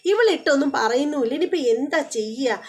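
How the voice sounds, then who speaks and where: A flustered young husband who urges and blusters, then backs down, played by a woman retelling the scene. He is voiced a little higher and louder than her own speech. It is told as a spoken TV serial recap. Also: lively intonation, quick pace. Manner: impatient, urging, blustering. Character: young man, husband, flustered and quick-tempered.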